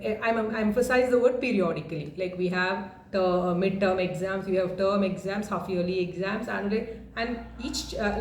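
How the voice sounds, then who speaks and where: A woman's voice: fairly high pitch, echoey room. A woman life coach giving an earnest motivational talk, often asking rhetorical questions.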